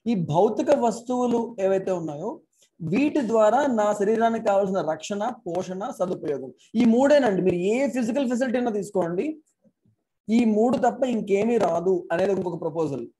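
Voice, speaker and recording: A man's voice: high-pitched, expressive, normal speed, warm tone, slight background noise, rough recording. A man lecturing to an online class through a laptop mic, mixing English phrases into his talk and posing rhetorical questions. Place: speaking remotely to an online class. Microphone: external mic plugged into a laptop.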